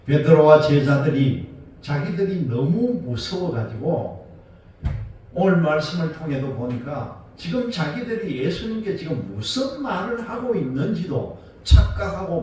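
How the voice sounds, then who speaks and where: A man preaching a sermon in a church sanctuary, his fairly high voice rising and falling through a wide, animated range. He is picked up from a distance, with heavy echo off the room. Faint ambient noise sits under his voice as he keeps asking the congregation questions. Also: a little slow. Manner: asks the congregation rhetorical questions and retells scripture. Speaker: pastor.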